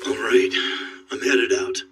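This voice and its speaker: A man voicing a grim, armored male monster hunter in an anime English dub, speaking in terse, flat, clipped replies. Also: fairly low pitch, unhurried, slight background noise, close to an everyday voice. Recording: distant voice under loud score.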